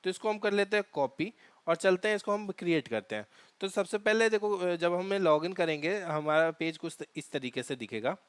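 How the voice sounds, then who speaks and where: A man's voice: sits high, clear, resonant tone, dry recording. A man teaching a cloud DevOps tutorial over a screen share, explaining step by step with frequent fillers and restarts. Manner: halting, many fillers and restarts.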